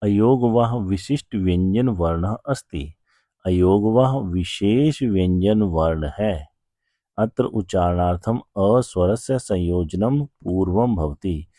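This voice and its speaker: A man's voice: deep voice, warm tone, no room sound, studio quality. A man teaching a grammar lesson, explaining step by step and often asking questions before answering them. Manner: slow, patient explaining with frequent rhetorical questions. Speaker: Sanskrit teacher.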